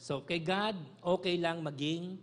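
Preaching at a measured pace, this middle-aged pastor from the Philippines mixes English and Tagalog in an animated sermon. On important lines his voice sinks soft and low, and he repeatedly asks the congregation for amens.

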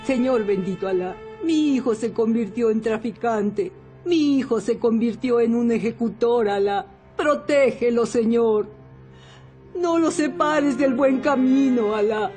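A woman's voice: a little high, measured pace, dark tone, faint music behind, lightly acted. A woman dubbing a devout mother in a soap opera, fervently praying and pleading for her son. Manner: fervent, beseeching.

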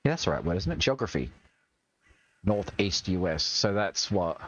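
A man's voice: sits low, sing-song, normal speed, a bit bright, lo-fi sound. A young Australian man streaming a video game, chatting, joking and swearing as he plays. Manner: chatty, swears and jokes while playing. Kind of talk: gaming livestream commentary.

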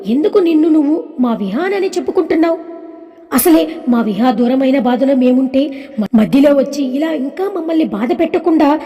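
A woman's voice: high voice, lively intonation, normal speed, mellow, long reverb tail, muffled recording. A woman voicing grieving older parents who beg a stranger to leave in a storybook reading. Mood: imploring. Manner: imploring.

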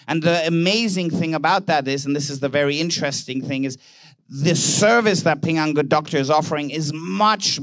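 A man's voice: fairly high pitch, no room sound. A man giving a conference keynote speech, telling anecdotes and briefly playing out little dialogues in different voices. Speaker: conference speaker, banker. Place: conference hall.

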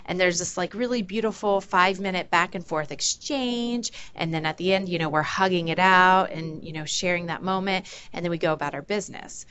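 A woman's voice: on the low side, fairly quick, few pauses, fairly bright tone, highs cut off, a little hiss or hum. Woman explaining behavior in a lecture. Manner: explanatory, acts out examples in a playful voice. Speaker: behavior analyst presenter. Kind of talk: conference talk.

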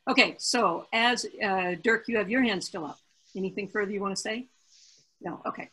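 A woman chairing a council meeting over a video call, brisk and joking as she moves through votes. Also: medium pitch, pushed and bright, slightly rough, rough recording.

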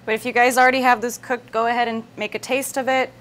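Her voice sits fairly high and comes out flat, fast and a bit bright as this thirty-something cooking show host talks conversationally through every stage of a live demonstration. Kitchen ambience and room noise fill the recording from the indoor set with its wooden worktop.

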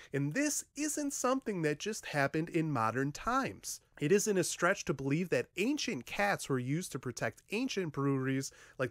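A man's voice: mid-range voice, no echo. Chatty man with a dry close mic. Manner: chatty, frequent "uh" fillers, animated hand gestures. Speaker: vlogger. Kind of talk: commentary on a news story. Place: small room at home, indoors. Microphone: studio condenser mic on a stand in front of him.

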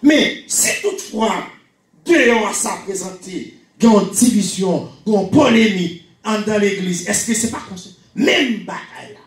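High-voiced Haitian preacher shouting in echoey hall. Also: male voice, expressive, normal speed. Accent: Haitian Creole. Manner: preaching with frequent shouted emphasis and repeated phrases. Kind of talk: sermon. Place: small church hall with pulpit. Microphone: handheld microphone. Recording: echoey church room, camera from a distance.

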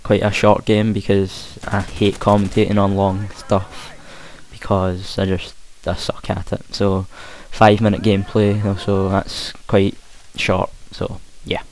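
A young man with a broad Scottish accent gives casual, hesitant gameplay commentary, trying to speak clearly, on a hissy home recording. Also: fairly low pitch, monotone, a little slow, few pauses, a little mellow. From Scotland. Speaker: gaming commentator. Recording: hissy home mic with faint noise. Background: game gunfire.

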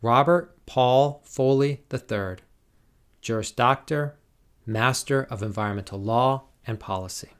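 A man formally reading out graduates' names and degrees at a commencement, in a slow, measured, deliberate way. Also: medium pitch, clean tone. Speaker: commencement name reader.

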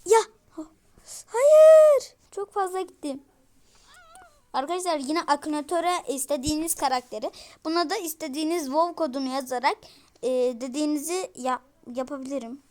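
A woman giving casual let's-play commentary to her viewers, easily frustrated and breaking into loud exclamations. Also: sits high, a little fast. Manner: talks straight to her viewers. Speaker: gaming streamer.

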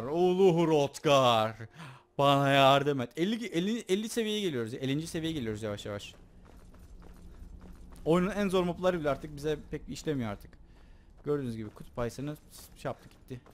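A young man casually commenting on his own gameplay, joking and excitable, talking to his viewers. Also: on the high side. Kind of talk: casual let's play commentary.

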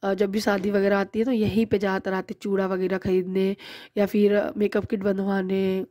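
Here a thirty-something vlogger narrates her shopping trip in a warm, medium-pitched voice, explaining prices and haggling in a relaxed, chatty manner. The casual voice-over has a dry, clean studio sound.

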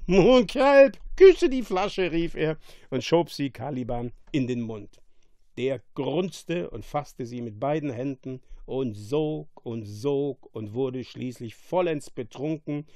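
Man calmly reading a fairy tale. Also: mid-range voice, dry recording, clean studio sound. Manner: calm, measured narration. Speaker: reader. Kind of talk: storybook reading.

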